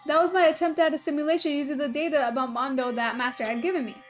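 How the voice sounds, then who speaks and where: A woman reads a polite computer program with a gentle, boyish personality, soft and earnest in a high voice. Game music plays behind. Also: fairly even intonation, fast talker, natural voice.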